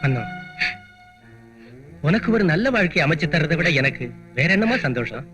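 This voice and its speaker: An actor playing a poor, proud, protective father, speaking gravely in a film drama. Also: a little high, very animated, normal speed, fairly bright tone, soft background music. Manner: grave, pleading. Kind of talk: film dialogue.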